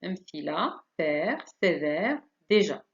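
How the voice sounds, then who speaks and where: A woman teaching a French lesson, saying each example slowly and deliberately. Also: lowish voice, very animated, lo-fi sound. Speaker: language teacher.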